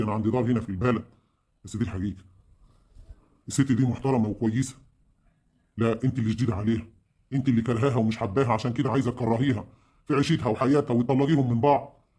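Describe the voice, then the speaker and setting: A man's voice: mid-range voice, a little mellow, natural voice. A man with an Egyptian accent playing an older, fair-minded village uncle who pleads and scolds.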